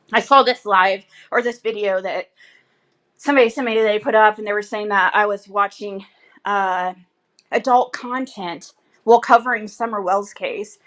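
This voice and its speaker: A woman's voice: medium pitch, fairly bright tone. A woman chatting casually and bluntly to viewers on a livestream, rambling in a gossipy, sweary way.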